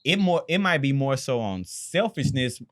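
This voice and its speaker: A man's voice: mid-range voice, very animated, normal speed, fairly bright tone, dry recording, studio quality. An American man co-hosting a podcast, talking in a thoughtful way with hesitant restarts. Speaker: podcast co-host. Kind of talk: casual chat.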